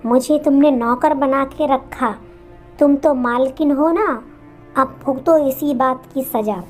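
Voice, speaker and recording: A cruel grown son talks down to his mother with bullying scorn, as a woman narrator puts him on. The delivery is slow and the voice sits a little high, with faint music underneath. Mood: scornful.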